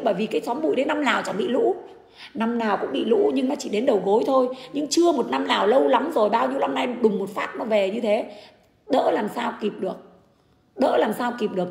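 A woman's voice: fairly high pitch, vocal fry, roomy sound. A woman in an indignant livestream rant, bluntly answering her critics. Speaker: livestreamer defending her husband.

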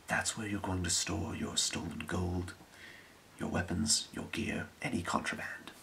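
A man in a whispered role-play, playing a scheming thieves' guild boss with a breathy, creaky whisper and a measured, secretive delivery. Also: low-pitched, little pitch movement, sharp tone, a little hiss or hum, full character voice. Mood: hushed, calculating.

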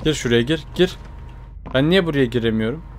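A young man giving chatty horror game commentary, talking to his viewers, jumping from low mutters to startled shouts. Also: animated, fairly quick, slight background noise. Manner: chatty, addresses viewers directly. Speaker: gaming YouTuber.

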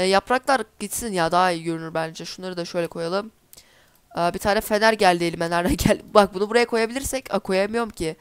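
A woman in a casual let's-play, chatting away to herself and her viewers as she plays. She is quick to get exasperated when things go wrong. Her voice is smooth and clean, recorded close and dry with no room sound. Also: medium pitch, dry recording. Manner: chatty, easily exasperated, talks to herself while playing. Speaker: gameplay commentator.

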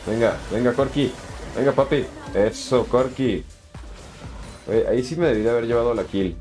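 A man's voice: medium pitch, moderate pace, a little mellow, faint music behind. Chatty Mexican man streaming a game. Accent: Mexican Spanish. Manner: chatty, reads chat aloud, slangy. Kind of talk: casual live game commentary.

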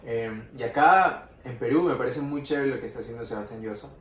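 A young male musician speaks in a relaxed way, patiently walking through examples. His voice sits in an echoey room, a little away from the mic. A faint hiss runs underneath. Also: medium pitch, fairly quick. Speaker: musician guest. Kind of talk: casual interview chat. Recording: roomy, distant mic with faint noise.

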